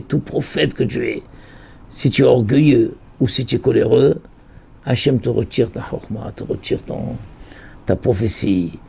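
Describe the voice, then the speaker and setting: A man, a rabbi, giving a Torah lesson, who stresses points by repeating them and swings from loud calls down to near whispers. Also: fairly high pitch, gravelly, breathy edge.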